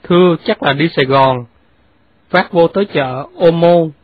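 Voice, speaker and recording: A woman's voice: sits low, measured pace, no echo, pitched below the performer's own voice. A woman voicing a plain, deferential male household servant reporting matter-of-factly. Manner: matter-of-fact, respectful. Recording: phone-like narrow sound.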